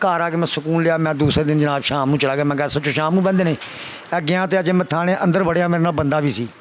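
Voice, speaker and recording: With a voice on the high side and fairly even intonation, an older man speaks rapid-fire to a reporter as a complainant father, his Pakistani Punjabi accent evident. The emotional account is pleading and repetitive, with frequent use of "sir." A bit of hiss or hum is audible.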